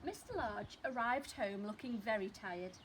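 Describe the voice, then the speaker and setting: Female storytime teacher: high, unhurried, expressive read-aloud for young children, noisy background. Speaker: primary school teacher reading stories.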